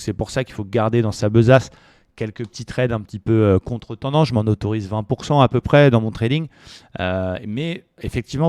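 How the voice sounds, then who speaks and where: A man walking through his trading plan in a relaxed, chatty way, full of fillers and slangy asides. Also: mid-range voice, clear, resonant tone, dry recording, studio quality. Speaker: trading educator. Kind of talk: casual market analysis video.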